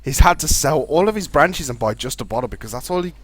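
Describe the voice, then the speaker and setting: A man casting a live video game match, fast play-by-play with a fairly steady delivery. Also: medium pitch, soft background music. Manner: fast, chatty play-by-play talking to co-caster; calls his own voice monotone. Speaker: esports caster.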